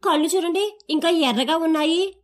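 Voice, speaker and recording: Teasing village maid, rustic talk, high voice, woman doing it. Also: moderate pace. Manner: rustic village dialect, playful. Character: chatty teasing young maidservant woman.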